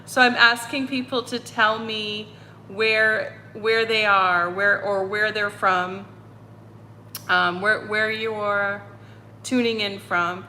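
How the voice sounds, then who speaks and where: A medium from North Andover, Massachusetts, with a slight Boston accent, hosts a home livestream from an apartment with broken air conditioning, hot and sweaty as she chats casually with viewers. Her medium-pitched voice is steady, bright, and forceful, and her unhurried talk rambles with many ums and self-corrections. Faint room hiss is audible.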